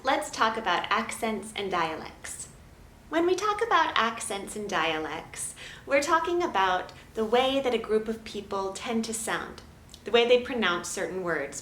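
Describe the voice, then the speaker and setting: A woman teaching a children's drama lesson in a gentle, clear, instructive way. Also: fairly high pitch, very animated, normal speed, a little hiss or hum. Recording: roomy echo, faint ambience.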